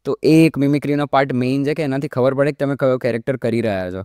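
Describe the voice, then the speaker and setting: An Indian mimicry artist, a young adult in his early twenties, speaks fast in a clear, resonant, medium-pitched voice. As a podcast guest in casual interview talk, he explains in a relaxed manner and keeps dropping in English fillers like "like." The clean studio recording has no echo.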